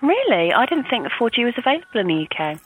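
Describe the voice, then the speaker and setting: A young woman handles a customer call in sales at a quick pace. She is courteous and apologetic. There is faint noise on the phone line. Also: a little high, very animated. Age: young adult. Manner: polite, apologetic.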